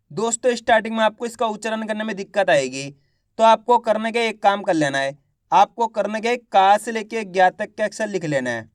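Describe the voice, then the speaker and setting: A man giving an online lesson on reading in Hindi. He asks a question, answers it himself, and repeats each syllable slowly. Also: sits high, no room sound, studio quality. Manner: slow, drawn-out syllables when sounding out letters.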